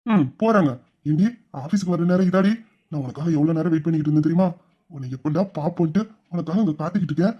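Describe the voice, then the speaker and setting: A man's voice: fairly high pitch, quick pace, lo-fi sound, natural voice. A man playing a teasing young husband in an audio drama, mock-stern and scolding. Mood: complaining. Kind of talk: Tamil audio drama acting.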